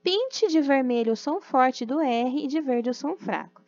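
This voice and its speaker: Patient Brazilian woman teacher, slightly high voice. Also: lively intonation, a little mellow. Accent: Brazilian Portuguese. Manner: patient, sounds words out slowly, many diminutives. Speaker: primary school teacher. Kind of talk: recorded remote class for young children. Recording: dull lo-fi audio with faint music.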